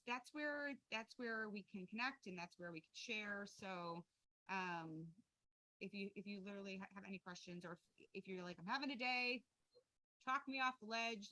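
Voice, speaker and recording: A woman's voice: medium pitch, bright, forceful tone, dry recording, poor audio. A woman coaching a wellness group, chatting casually and upbeat over a video call, with lots of fillers. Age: adult with a young daughter.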